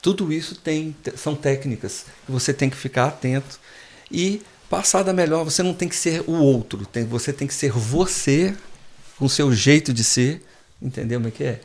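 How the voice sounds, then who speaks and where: A man's voice: fairly high pitch, moderate pace, darkish tone. Man explaining patiently. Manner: didactic, patient, with frequent restarts. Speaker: guest professor. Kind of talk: casual podcast conversation. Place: podcast studio.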